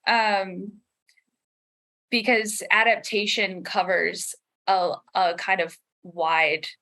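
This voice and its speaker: A woman who is a podcast creator and scholar talks through her ideas in a panel discussion, casual yet analytical, thoughtful, and hedging with lots of "like." Her mid-range voice has a sharp tone and a flat delivery, and she takes her time.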